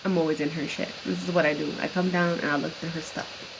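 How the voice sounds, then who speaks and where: A woman's voice: low-pitched, steady tone, fast, vocal fry, noisy background. A woman co-hosting a casual chat at home, blunt and slangy, swearing freely. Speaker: co-host.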